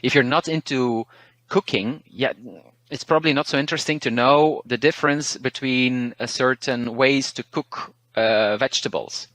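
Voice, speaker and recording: Offering casual advice in an interview, a man from Belgium talks through tips for learning languages, his first language being Dutch and his accent Belgian Dutch. He teaches languages and speaks in a thoughtful, unhurried way with pauses and restarted words, his medium pitch captured in a dry recording.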